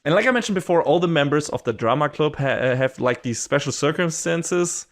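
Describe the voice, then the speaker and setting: A man's voice: fairly high pitch, lively intonation, brisk. Swearing, rambling man on a podcast. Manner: rambling, swears casually, laughs often. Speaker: podcast co-host. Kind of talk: casual podcast chat.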